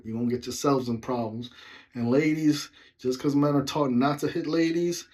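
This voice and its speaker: A man's voice: mid-range voice, dark tone. A man telling his own story in a casual vlog, rambling and breaking off to speak to his viewers. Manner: rambling, with side remarks to viewers. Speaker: vlogger telling a personal story.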